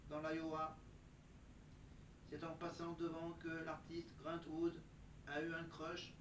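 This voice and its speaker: A man putting on the flat, monotone voice of a chatbot robot while reading out facts, picked up far from the mic in a dull, noisy recording. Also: on the high side, echoey room, close to an everyday voice. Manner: even, mechanical reading of facts. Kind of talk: factual segment delivered as a robot.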